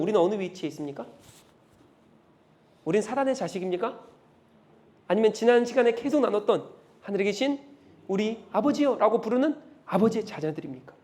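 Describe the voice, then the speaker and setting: A male pastor preaches with a high-pitched voice. He is emphatic and fires off rhetorical questions. His volume swings between loud stresses and hushed lines. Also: expressive, fairly quick, long pauses. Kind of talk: sermon.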